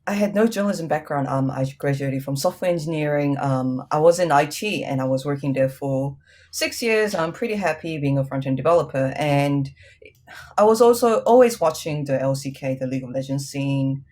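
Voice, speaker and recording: A woman with a New Zealand accent is the guest in a casual interview, speaking at a moderate pace. Her talk is full of hesitant ums and lively rises in pitch.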